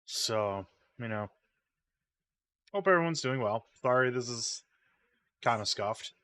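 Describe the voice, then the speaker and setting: A sleepy man rambles through casual stream chatter, yawning now and then and humming to himself. He talks slowly in a middling voice, and the recording is dry and close with no room sound. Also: mid-range voice, lively intonation, fairly bright tone, clean tone, no room sound. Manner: rambling, idly hums while waiting. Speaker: gaming streamer.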